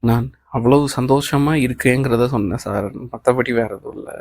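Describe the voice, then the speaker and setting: A man's voice: mid-range voice, moderate pace, darkish tone, close to an everyday voice. A man reading the lines of a young woman employee, anxious and overjoyed, in an audiobook of a novel, naming the speaker before each line. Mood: grateful.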